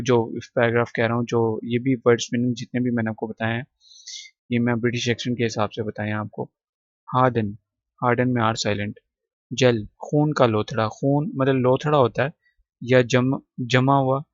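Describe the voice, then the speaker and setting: A man's voice: mid-range voice, no room sound, muffled recording. A male teacher, going through textbook vocabulary and drilling each word's pronunciation, checking in often with short asides. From Pakistan. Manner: repeats words to drill pronunciation; says "ठीक है" between points. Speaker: English teacher.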